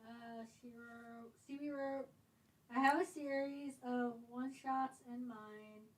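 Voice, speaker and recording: Woman co-host, high voice, giggly and mischievous, casual chat. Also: fairly even intonation, slow pace, poor audio. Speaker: co-host of a writing livestream.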